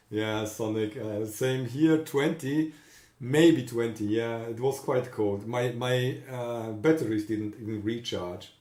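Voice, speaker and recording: A man with a Central European accent hosting a casual live stream, greeting chat viewers by name and talking haltingly with fillers. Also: mid-range voice, mellow, roomy sound. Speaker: livestream host.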